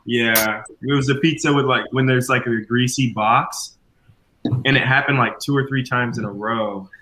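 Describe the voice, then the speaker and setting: A man's voice: medium pitch, fairly even intonation, normal speed, bright, forceful tone, a little hiss or hum. A man chatting casually as a guest, rambling with fillers. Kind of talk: casual chat.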